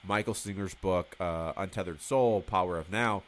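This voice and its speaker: A man's voice: sits low, normal speed. A man as a podcast guest, talking candidly and swearing freely, telling stories with acted-out dialogue in casual conversation.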